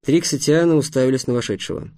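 A man narrating an audiobook in a measured, dramatic way, dropping low and soft for ominous moments. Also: no echo, clean studio sound. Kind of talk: scripted narration.

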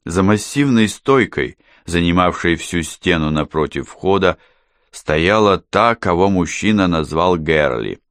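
A man narrating an audiobook in a steady, even storytelling voice. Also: low-pitched, unhurried, no room sound, clean studio sound.

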